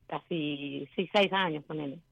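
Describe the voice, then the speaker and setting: A woman's voice: low-pitched, a little slow, gravelly, breathy edge, no echo, phone-quality sound. A woman with an Argentine accent answering a counselor's questions in short, hesitant replies. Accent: Argentine Spanish. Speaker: client being counseled.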